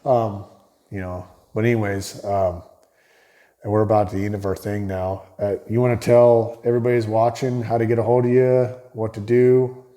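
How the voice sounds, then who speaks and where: A man hosts a relaxed conversation with a tradesman, his voice mellow and dark. He rambles through stories, restarts his sentences and tacks on little tag questions. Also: lowish voice, moderate pace. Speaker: host, builder. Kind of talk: casual interview chat.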